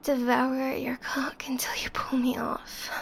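A woman doing a whispered role-play as an adoring, seductive lover, speaking slowly and intimately, close to the listener's ear. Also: high voice, monotone, creaky. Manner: slow, lingering delivery with pauses.

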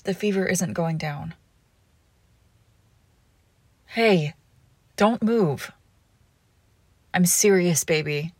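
A woman playing a breathy, protective girlfriend. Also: fairly low pitch, no echo. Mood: firm caring. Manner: protective, coaxing, often hushed to a whisper. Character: devoted young girlfriend nursing a sick partner. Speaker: audio roleplay performer. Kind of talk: audio roleplay addressed to the listener.

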